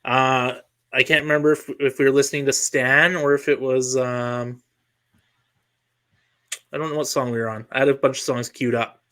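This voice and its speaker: A relaxed man chats on a podcast with easy enthusiasm. His voice sits at an ordinary middle pitch. He drops the odd casual swear. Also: normal speed, pauses often. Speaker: podcast co-host. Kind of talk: casual chat.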